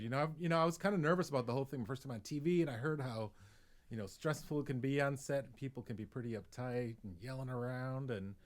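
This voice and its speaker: A man, a comedian, telling a story on a podcast, acting out the voices of people he quotes and chuckling as he goes. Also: mid-range voice. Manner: chuckles through his story.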